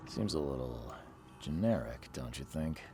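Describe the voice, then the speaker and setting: An extremely deep-voiced, gruff game hero. He is dry, deadpan and skeptical, with faint music behind him. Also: a little slow. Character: skeptical, dry male newcomer, gruff video game protagonist. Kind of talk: video game character dialogue.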